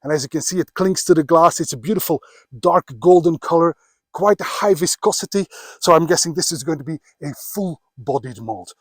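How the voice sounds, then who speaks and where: A man in his fifties from Belgium, a whisky blogger, talking casually through a tasting on a mountaintop, a little out of breath and filling pauses with "uh". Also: fairly high pitch, no room sound. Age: 50s. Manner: chatty, many filler "uh"s. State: slightly out of breath. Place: outdoors on a mountaintop.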